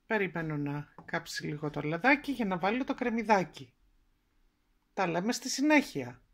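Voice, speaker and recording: At her home stove, a chatty woman presents a recipe, walking through each step in a homely way. Her voice is fairly low and sing-song, and the clip is cooking tutorial narration.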